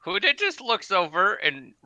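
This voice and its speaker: A man's voice: high voice, wildly swooping pitch, normal speed, pushed and bright, dry recording. A man playing a tabletop game, narrating his character's actions with jokes. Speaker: player. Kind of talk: casual tabletop game play.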